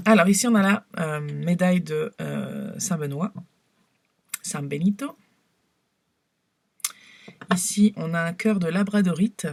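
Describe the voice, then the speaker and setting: A woman gives a casual tarot reading to camera, speaking softly and hesitantly with many fillers and restarts. Her voice is on the low side with vocal fry, and she talks slowly with long pauses.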